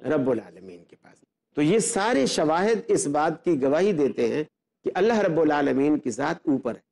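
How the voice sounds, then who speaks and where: A man speaking as an Islamic scholar, explaining belief in an earnest, step-by-step way. His voice sits a little high but sounds dark and mellow, and he often poses rhetorical questions to make his case. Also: very animated, moderate pace, gravelly. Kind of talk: religious explanatory talk.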